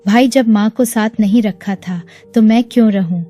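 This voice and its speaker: A woman storyteller voicing a dutiful young man who speaks gently and patiently to his family. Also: mid-range voice, moderate pace, close to an everyday voice. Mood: gentle. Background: faint music.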